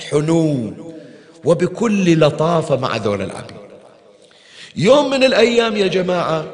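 A man with a fairly high voice delivers a mourning sermon in story form, full of feeling and rhetorical questions aimed at his listeners. His voice rings through a hall with a long, trailing reverb. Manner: emotive storyteller, asks the crowd rhetorical questions. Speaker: preacher.

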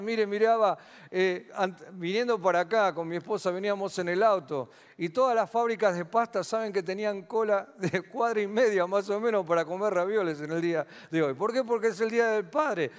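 High-voiced Rioplatense pastor preaching. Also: male voice. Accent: Rioplatense Spanish. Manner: asks the congregation questions and answers them. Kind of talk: sermon. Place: church hall. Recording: long hall reverb.

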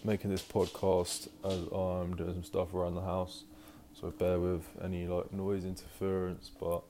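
A man's voice: deep voice, monotone, normal speed, dark tone, a little hiss or hum. A man hosting a casual solo podcast from home, rambling with lots of fillers and restarts while he moves around the house. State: out of breath. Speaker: podcast host.

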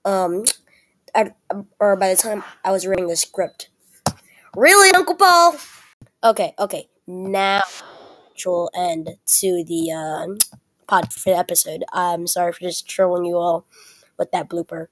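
A woman's voice: lowish voice, level tone, a little mellow. Young woman with a weak, sick voice. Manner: halting, self-correcting, apologetic. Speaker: student podcast host. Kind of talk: casual solo podcast talk. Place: at home.

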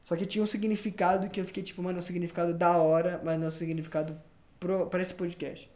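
A man's voice: high voice, fast talker. A young man with a Brazilian accent hosting a podcast, telling stories in a casual, slangy way and acting out what people said. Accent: Brazilian Portuguese. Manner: animated storyteller, slangy, acts out quotes. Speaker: podcast host. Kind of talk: casual chat. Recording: echoey room.

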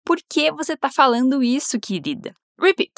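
A Brazilian woman teaches English phrases to Portuguese speakers, slowly repeating each line before explaining it quickly and encouragingly. Her voice is high-pitched and animated with vocal fry, recorded dry at studio quality.

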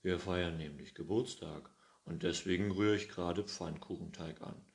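A man's voice: low-pitched, fairly even intonation, moderate pace, a little mellow, natural voice. Pettersson, a grumbling old farmer, as a man reads him. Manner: grumbling and scolding.

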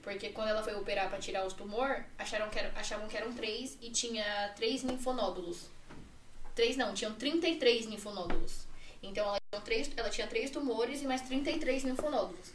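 A woman's voice: fairly high pitch, a little fast, echoey room, distant mic, slight background noise. An 18-year-old woman with a Brazilian Portuguese accent, a podcast guest telling a personal story in a run-on way, full of fillers and repeats.

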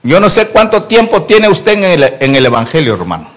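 In church, a male pastor delivers a sermon at normal speed with a fairly high voice and huge pitch swings. He moves between quiet asides and loud exclamations, playing both parts in the dialogues he tells.

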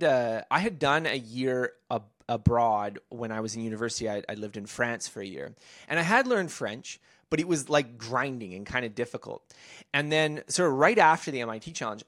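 A man's voice: medium pitch, pushed and bright. A man in his thirties, a podcast guest telling a long story in casual conversation, with many fillers and restarts. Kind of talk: conversational interview.

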